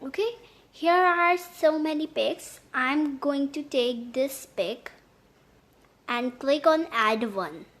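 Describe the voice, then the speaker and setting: A woman narrating a step-by-step app tutorial in halting, repetitive phrasing. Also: high voice, fairly bright tone. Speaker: tutorial host.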